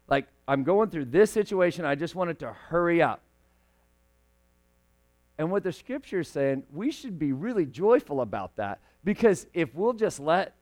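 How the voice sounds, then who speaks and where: A pastor preaching a sermon in a church, chatty and joking in his asides, growing louder and slower when he reads scripture aloud. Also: on the high side. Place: church sanctuary.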